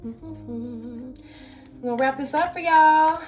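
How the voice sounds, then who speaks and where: A woman's voice: high voice, takes it slowly, faint music behind. A woman giving a chatty tarot reading, talking straight to her viewers. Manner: chatty, addresses viewers directly. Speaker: tarot reader.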